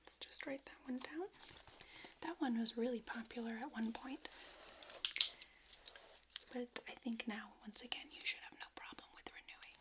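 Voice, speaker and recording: A woman speaking in a hushed library whisper, doing a whispered role-play as a friendly, chatty librarian. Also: on the high side. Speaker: ASMR performer playing a librarian. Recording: clear background noise, handling clicks.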